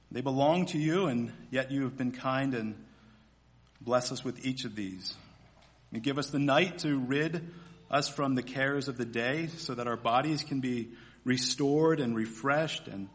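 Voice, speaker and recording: A man preaching a sermon at a pulpit microphone, reading scripture and praying in an earnest, measured way. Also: medium pitch.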